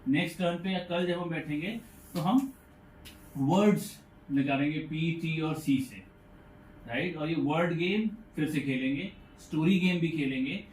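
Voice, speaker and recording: A man teaching English pronunciation to a class, patiently repeating sounds slowly to demonstrate them. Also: on the high side. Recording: echoey room, mic far off, faint noise.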